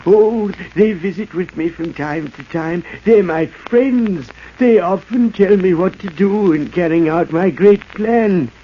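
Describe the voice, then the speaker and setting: An actor playing a deranged, grandiose villain in a 1940s radio drama, with a halting, theatrical, gloating delivery. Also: male voice, high voice. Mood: delirious, delighted. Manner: theatrical, halting, cackling madman. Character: deranged villainous old-time wax artist, gloating and grandiose. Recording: muffled, noisy old radio recording.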